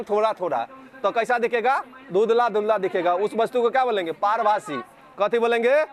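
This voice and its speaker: A Bihari man with a high voice teaches physics to a group of students. He keeps asking the same question again and again to drill it in, and he scolds anyone who messes around. Children murmur faintly in the background of an outdoor space. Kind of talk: classroom lecture to students.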